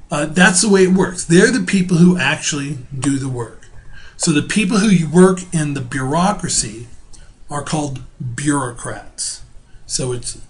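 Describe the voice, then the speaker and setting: A middle-aged man teaching a relaxed recorded video lecture from home, talking casually with fillers and restarts. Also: on the high side. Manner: spells out terms slowly.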